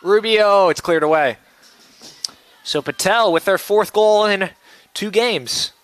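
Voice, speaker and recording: A man's voice: high voice, takes it slowly, fairly bright tone, clear, resonant tone, dry recording. A man calling live soccer play-by-play in clipped, running phrases. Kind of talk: live sports commentary.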